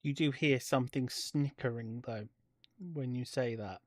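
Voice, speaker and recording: A man's voice: mid-range voice, a little slow, a little mellow, dry recording, clean studio sound. A man working as game master, casually narrating a tabletop game.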